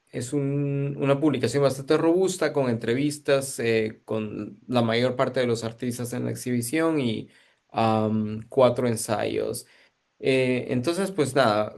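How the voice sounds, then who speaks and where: A man's voice: medium pitch, steady tone, slow, creaky, a little mellow. A man from Guatemala, a museum curator giving thoughtful, searching answers in an interview.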